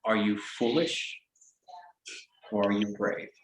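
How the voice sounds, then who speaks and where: A man voicing a lazy, bored scaled creature with a long tail, lounging on a throne, in a wet, raspy, hissing voice with slow, languid menace. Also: on the low side, steady tone, roomy sound.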